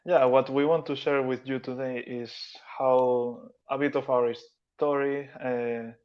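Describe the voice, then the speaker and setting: A man from Spain presenting to an online conference over a video call, in a mid-range voice. He speaks in a with halting, phrasing. The audio is dull and lo-fi. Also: medium pitch, flat delivery. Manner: halting, non-native phrasing. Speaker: guest speaker, biologist.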